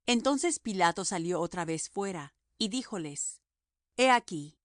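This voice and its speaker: Female audiobook narrator, solemn measured scripture reading, dry booth sound. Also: on the low side, expressive, dry recording.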